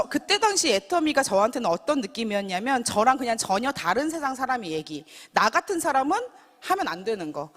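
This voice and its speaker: A woman in her thirties telling her own story in a lively, animated way, often laughing through her anecdotes. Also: a little high. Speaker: business member sharing her story. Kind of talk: personal testimony talk.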